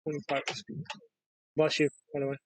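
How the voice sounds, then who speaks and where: A man's voice: fairly high pitch, monotone, normal speed, slight background noise, poor audio. A man live-streaming a game, teasing and mocking another player while laughing often. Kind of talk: live-streamed gaming chat.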